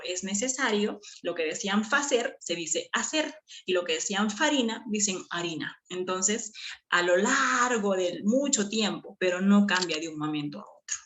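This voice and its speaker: A woman, teaching a language class in an animated way and checking often that her students follow. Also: mid-range voice. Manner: animated, with frequent checking questions. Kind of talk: classroom lecture. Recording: echoey room.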